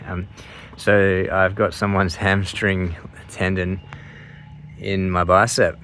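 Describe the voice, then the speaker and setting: A man in his mid thirties with a deep, low voice talks casually as a vlogger. He rambles a little, hesitating and restarting his thoughts. There is noticeable ambient noise behind his voice. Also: level tone, takes it slowly, a bit bright. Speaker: vlogger sharing surgery recovery update.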